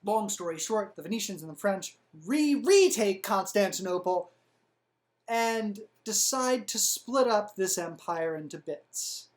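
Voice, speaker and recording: A woman hosting a history show, narrating with wry, sarcastic humor and lively asides. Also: medium pitch, unhurried. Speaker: host.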